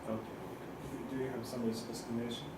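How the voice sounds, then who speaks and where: A man's voice: medium pitch, level tone, fast talker, heavy reverb. Man, academic examiner, insistent, repeats questions, non-native English, distant, noisy room.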